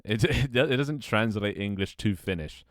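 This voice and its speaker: Clean studio sound, no echo: a young man with a voice on the low side chats at a moderate pace during a game stream. He's casual and rambling, talking to himself while setting up, with plenty of restarts and laughs.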